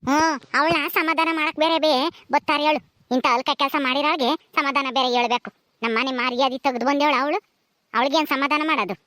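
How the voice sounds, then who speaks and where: A woman's voice: sits high, fairly even intonation, quick pace, pushed and bright. A woman playing a bitter, proud village mother-in-law who taunts and sneers. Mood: scornful. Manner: sneering, taunting, mocking laughter.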